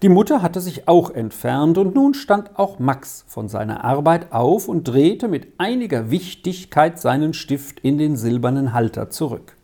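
An audiobook reader narrating an old-fashioned family story in an expressive, measured way. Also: medium pitch.

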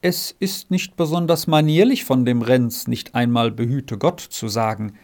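A man's voice: mid-range voice, a little slow, vocal fry, darkish tone. A man reading aloud voices a stern, disapproving father in a storybook.

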